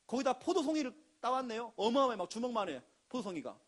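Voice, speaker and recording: A man preaching a sermon in a lively, emphatic way, now and then acting out quoted voices. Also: very high voice, fast talker. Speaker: pastor.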